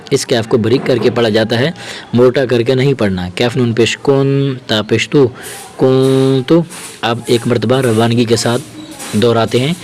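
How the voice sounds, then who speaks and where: A man at an ordinary mid pitch gives a patient, step-by-step Quran reading lesson. He sounds out letters and vowel marks slowly and often stops to check that his pupil is following. A faint hum of background noise sits behind his voice.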